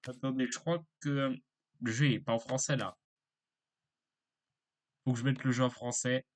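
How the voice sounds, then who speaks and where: A man's voice: medium pitch, fairly even intonation, normal speed. A man giving casual let's play commentary, hesitant and rambling with lots of fillers and apologies. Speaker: gaming YouTuber.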